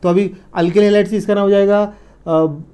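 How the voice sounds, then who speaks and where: A man teaching chemistry in an exam-prep lecture, repeating key slowly and checking in with his students. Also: sits high, fairly even intonation, warm tone, clear, resonant tone. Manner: repeats key words slowly, counts aloud, checks in with the listener.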